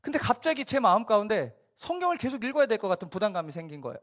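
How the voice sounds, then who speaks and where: Male pastor, middle-aged, high voice, lively swings in pitch, animated storytelling sermon. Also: racing.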